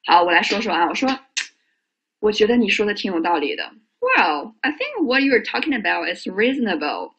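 Lively male English teacher, husky. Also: sits high, fairly quick. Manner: lively, joking, asks the class questions. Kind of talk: exam listening lesson.

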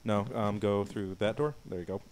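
Here a young let's play co-host speaks at a moderate pace in a fairly low voice. He jokes with his partner, laughs loudly, and gives a diary entry a mock-dramatic reading during the game playthrough.

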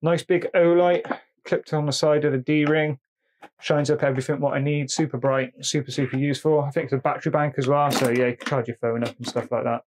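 A plumber shows off his tools in a casual show-and-tell, speaking off camera at an indoor tabletop setup. His mid-pitched voice is level, brisk and darkish in tone, and he's chatty, repeating "really, really nice" and calling tools "he".

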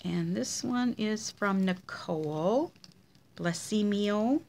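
Slow, chatty woman showing handmade cards. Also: mid-range voice, gravelly, a little mellow, slight background noise. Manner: chatty, unhurried, gushing over each card. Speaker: craft demonstrator showing card swaps. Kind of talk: casual craft vlog.

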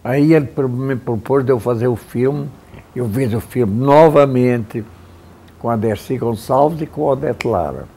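A man in his eighties recounting memories in a halting, matter-of-fact interview manner. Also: mid-range voice, mellow, husky. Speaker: filmmaker interviewee. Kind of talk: slow-forming reminiscence. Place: living room indoors.

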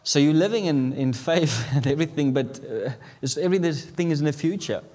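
A South African man in his thirties, whose first language is Afrikaans, preaches as a guest in a large indoor church sanctuary, holding a handheld mic. His voice is slightly high and dark-toned, animated and fairly quick, and he chuckles often as he builds toward emphatic declarations.

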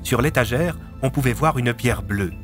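A man narrating a serialized audiobook in a steady storytelling manner. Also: medium pitch, moderate pace, soft background music. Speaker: narrator and voice of all characters.

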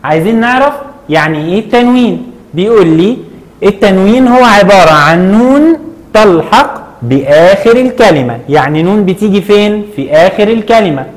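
Egyptian man, primary school teacher, high voice, patient, asks and answers his own questions, drawn-out words. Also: animated. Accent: Egyptian Arabic. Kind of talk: online lesson for children.

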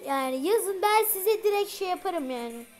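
A woman's voice: very high-pitched, lively intonation, moderate pace, soft background music. A woman giving casual gameplay commentary as a video creator, chatty and slangy, talking straight to her viewers.

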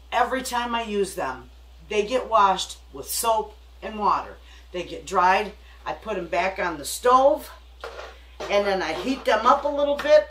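An older woman talks through her cooking in a homespun, chatty kitchen manner. Her voice sits at an average pitch. She is recorded a little way from the mic in an echoey room, with light noise behind her. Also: fairly bright tone, far from the mic. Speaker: home cook, cooking show host. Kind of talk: casual kitchen cooking demonstration. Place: home kitchen, indoors at the stove. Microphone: camera a few feet away.

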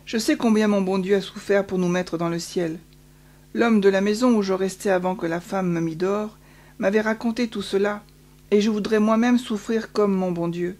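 Une femme qui prête sa voix à une jeune bergère solitaire et pieuse, au ton plaintif et sincère. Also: female voice, medium pitch, fairly even intonation, moderate pace, darkish tone, natural voice. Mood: plaintive. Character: lonely tearful young shepherd girl, pious and longing.

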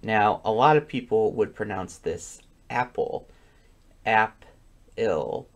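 A man doing comedic gameplay commentary, deadpan one-liners that break into excited yelling. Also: fairly low pitch, measured pace.

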